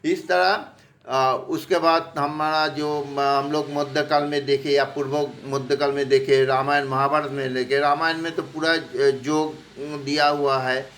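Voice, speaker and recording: A man teaching about yoga in an unscripted spoken lecture, halting often with fillers and restarts as he lists terms one by one. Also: on the high side, level tone, fairly bright tone, slight background noise.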